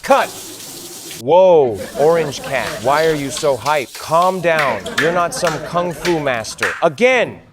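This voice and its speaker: A man's voice: on the high side, expressive, takes it slowly, background noise. A man playing a film director on set, calling cut and again in a bossy, exasperated way. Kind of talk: scripted comedic narration.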